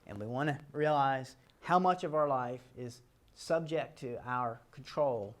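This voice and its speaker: A man gives a calm, explanatory talk on a self-help model. He works through his ideas step by step and often restarts a sentence mid-thought. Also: mid-range voice, a little slow. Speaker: teacher.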